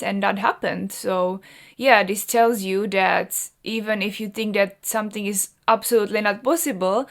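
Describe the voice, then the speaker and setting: A woman in her thirties from the Czech Republic, a native Czech speaker, talking to camera in earnest and rambling fashion with many restarts. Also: medium pitch. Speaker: artist and vlogger. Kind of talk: personal talk to camera.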